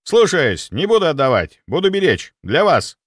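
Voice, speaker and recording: A man's voice: on the high side, sing-song, moderate pace, husky, dry recording, clean studio sound, voice pushed up. A man voicing an overeager, blindly obedient male security chief who barks his lines in military style. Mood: barking eager. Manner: barking, military, overzealous.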